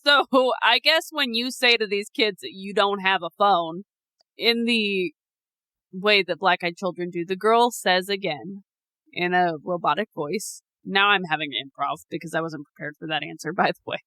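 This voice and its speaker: In a dry recording with no room sound, a woman with a mid-range, sharp-toned voice talks at a normal speed. She's a podcast co-host spinning a creepy tale for her friend, teasing her and laughing a lot as she tells it.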